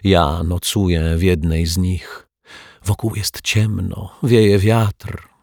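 A man's voice: low-pitched, little pitch movement, vocal fry, a little mellow, no echo, studio quality, exaggerated voice. A man voicing a prim, touchy middle-aged female teacher who talks defensively and earnestly in an audiobook. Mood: dreamy. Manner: defensive, earnest, dramatic pauses. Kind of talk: audiobook character voice.

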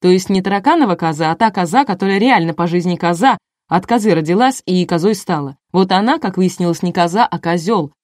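A woman's voice: on the low side, lively intonation, brisk, dry recording, natural voice. Woman as enraged male studio director, bellows orders, audiobook, dry close sound. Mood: furious. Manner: yelling orders, cursing. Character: angry shouting male TV director.

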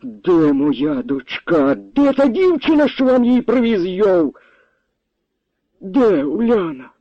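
A frantic Cossack captain, dishevelled and enraged, voiced by a man reading a story. He shouts harshly, leaping high in pitch. The sound is dry and close, a little dull. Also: sing-song, slow, dry recording, heavily acted. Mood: furious. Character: furious male Cossack captain, wild and desperate father.

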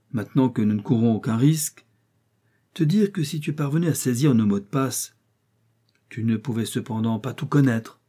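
A man's voice: medium pitch, mellow, slightly rough, close to an everyday voice. A man playing a gloating master criminal. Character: menacing male master criminal, commanding, gloating.

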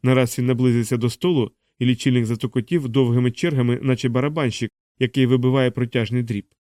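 An audiobook narrator reads a scripted text in a steady, measured voice of medium pitch with a dark, mellow tone. He's close on a studio mic, and the recording is dry, without any room sound.

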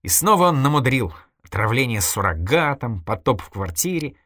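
A man reading an audiobook, voicing a cold, scheming woman who calmly mocks her friend. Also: mid-range voice, moderate pace, dry recording, studio quality, pitched above the performer's own voice. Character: scheming cold female killer, calm and mocking.

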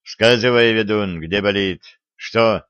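A stern warrior priest speaks in a gruff, commanding way, as a male narrator voices him. It sits low and unhurried, in a dull, dry storybook recording. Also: fairly bright tone, no room sound. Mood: urgent.

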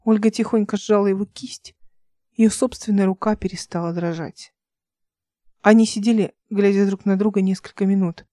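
A woman narrating an audiobook in an even, measured way. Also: mid-range voice, dry recording, clean studio sound.

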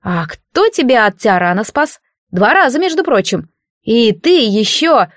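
A mischievous little god in a boy's shape, put on by a woman reader, raising the voice high above her own and talking in a petulant, teasing rush. It sounds knowing and older than its size. The recording is close and completely dry. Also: big pitch swings, no room sound. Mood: indignant. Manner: petulant, teasing, quick, grown-up under a child's voice. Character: cheeky shape-shifting child god, boyish, grumpy. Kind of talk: audiobook character voice.

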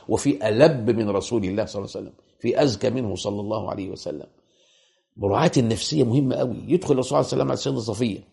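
A man's voice: mid-range voice, vocal fry, a little mellow. A man with an Egyptian Arabic accent giving a colloquial religious lecture, asking rhetorical questions and repeating points for emphasis. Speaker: preacher.

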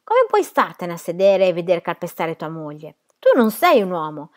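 Woman voicing a shrill scolding diner owner. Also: very animated, moderate pace, a little mellow. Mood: indignant. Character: indignant middle-aged woman diner owner.

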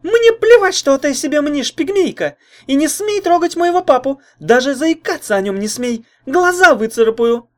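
Man putting on a jealous young woman, screeching, spiteful, very high, storybook audiobook. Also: very animated, normal speed. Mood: furious. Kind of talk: audiobook reading.

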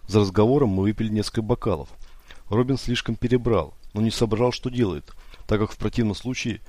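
A man voicing a panicky, loud male film producer in an audiobook, yelling and hysterical. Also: fairly low pitch, fast, no room sound, lightly acted. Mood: smooth excuses.

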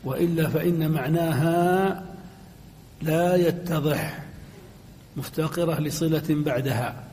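A male teacher giving a recorded lecture, spelling out his examples slowly and with care. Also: a little high, warm tone, in a large hall, slight background noise. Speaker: grammar teacher.

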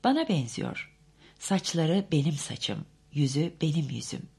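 A woman's voice: sits low, very animated, unhurried, creaky, mellow, breathy edge, exaggerated voice. A woman voicing a flighty rich young mother who coos and fusses, in an audiobook. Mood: chatty. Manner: cooing, affected.

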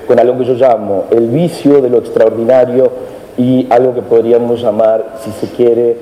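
A man's voice: mid-range voice, steady tone, normal speed, highs cut off. A man with an Argentine accent, a lecturer thinking aloud on a panel in a discursive way, often adding tag questions. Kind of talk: reflective panel talk. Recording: echoey hall with faint noise.

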